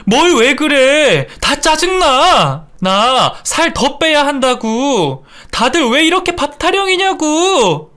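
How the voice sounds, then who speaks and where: A man's voice: high-pitched, very animated, a little slow, fairly bright tone, pitched above the performer's own voice, exaggerated voice. A man voicing a furious young daughter-in-law in a radio drama, with shrieking, sneering outbursts. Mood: screaming. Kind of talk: Korean radio drama acting.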